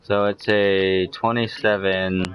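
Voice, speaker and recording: A young man streams a video game and thinks aloud as he drives. His voice is very deep. He talks in a loose, casual way. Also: flat delivery, slow, low-quality recording. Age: young adult. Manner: musing, talking to himself while driving. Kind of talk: casual gameplay chat.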